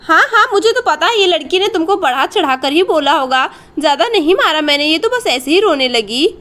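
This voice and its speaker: A woman plays a strict, short-tempered village mother in a doll storybook video. She scolds and defends herself in a very high voice. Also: expressive, a little fast, a bit bright. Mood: scolding.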